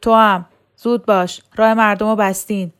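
A woman's voice: mid-range voice, steady tone, clear, resonant tone, natural voice. A woman reading a storybook, voicing a young male militia soldier who gives curt commands. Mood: impatient.

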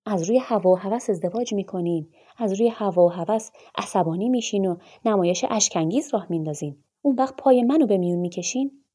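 A woman voicing a bitter, proud male doctor in a storybook reading, shouting angry tirades. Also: mid-range voice, animated, breathy edge. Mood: furious, shouting.

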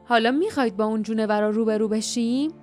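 A woman's voice: a little high, darkish tone, soft background music, close to an everyday voice. A woman reading the lines of a grumbling grown man, a former palace guard, in an audiobook. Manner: mutters, thinks aloud. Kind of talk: audiobook character voice.

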